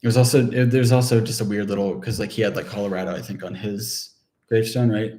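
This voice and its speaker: A man in his thirties from Ohio chatting reflectively on a livestream, halting often with restarts and fillers. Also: lowish voice, steady tone, dark tone. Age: 30s. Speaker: vlogger co-host. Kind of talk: casual livestream chat.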